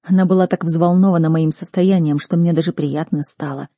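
A woman reading first-person fantasy narration as an audiobook reader, measured and tense. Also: on the low side, fairly even intonation, mellow, no echo, studio quality.

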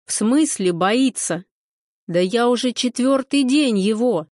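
Женщина-чтец озвучивает грубоватого деревенского мужика, говорит медленно и с нажимом, будто рычит. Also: female voice, on the high side, lively intonation, measured pace, darkish tone, no room sound, studio quality. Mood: gruff. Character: gruff rural man, grumpy and blunt.

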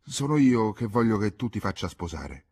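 A man doing a calm, calculating older gentleman. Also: on the low side, moderate pace, breathy edge. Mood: soothing.

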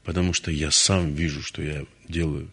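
A man voicing a humble young male disciple who answers quietly and honestly, reproaching himself. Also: a bass voice, level tone, normal speed, creaky, slightly rough, voice pushed down, full character voice.

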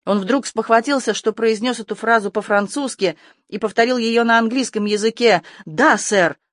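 Steady audiobook narrator, dry sound. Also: mid-range voice, normal speed, no room sound. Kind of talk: scripted narration.

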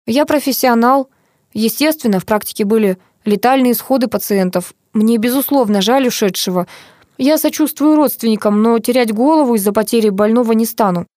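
Woman reading a flustered male doctor, loud and snappish, high-ish voice, dry sound. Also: a little fast, dry recording, natural voice. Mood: subdued. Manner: shouting, flustered, then curt. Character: agitated middle-aged male head doctor.

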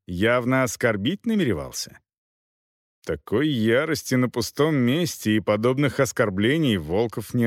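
Male audiobook narrator, dramatic reading, very lively pitch, dry close sound. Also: dry recording.

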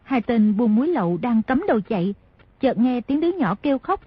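A woman narrating a martial-arts novel as an audiobook, telling the story at a steady pace. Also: a little high, fairly quick, husky, dry recording. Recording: dry, dull lo-fi audio.

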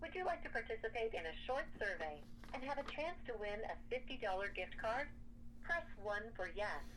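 A woman reading scripted automated phone menu prompts in a measured, formal manner. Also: on the high side, sing-song, fairly bright tone. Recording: noisy telephone line recording.

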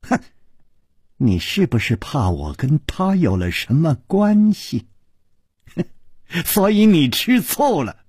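A man's voice: on the high side, wildly swooping pitch, slow pace, long pauses, no room sound, studio quality, full character voice. A man putting on a coy, teasing young woman. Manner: coy, purring, slips into breathy whispers. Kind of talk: audiobook character voice.

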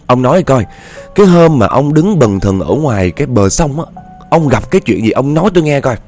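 A man's voice: mid-range voice, big pitch swings, a little fast, darkish tone, faint music behind, pitched above the performer's own voice, lightly acted. A man playing a worried older mother who presses her husband for answers. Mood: insistent. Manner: demanding, worried. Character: anxious older mother, insistent.

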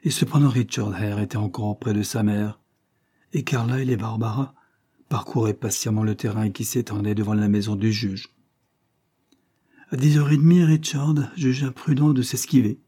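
A man narrating a classic novel aloud as an audiobook, reading in a measured, dramatic way. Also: lowish voice, fairly even intonation, dark tone.

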